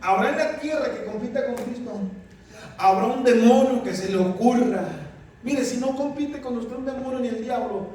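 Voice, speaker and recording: High-voiced man preaching in an echoey church. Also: moderate pace, warm tone. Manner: emphatic, addresses the congregation as "iglesia". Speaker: pastor. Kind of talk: sermon. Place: church hall. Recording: echoey hall, distant mic, faint noise.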